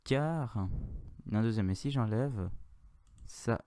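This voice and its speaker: A man's voice: medium pitch, takes it slowly, mellow, clean tone, dry recording. A man with a French accent giving a casual, rambling game tutorial, correcting himself and chatting in asides. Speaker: Minecraft tutorial youtuber. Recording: audible mouse and keyboard clicks.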